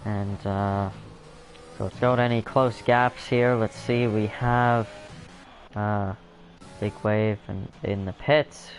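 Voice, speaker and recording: A man's voice: lowish voice, steady tone, takes it slowly, soft background music, rough recording. A young man giving live commentary on a sim-racing league, rambling with many fillers and self-corrections. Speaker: race commentator.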